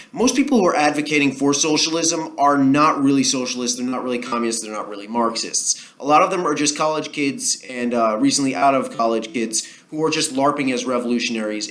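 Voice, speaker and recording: A man's voice: medium pitch, fairly quick, few pauses, a bit bright. A man with a New Jersey accent giving casual solo commentary, arguing his point in a rambling way with frequent ums and restarts. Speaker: political commentary vlogger.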